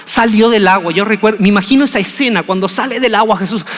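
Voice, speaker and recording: A man preaching a sermon, telling the story in an animated, humorous way. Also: high-pitched, fast. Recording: long reverb of a large hall.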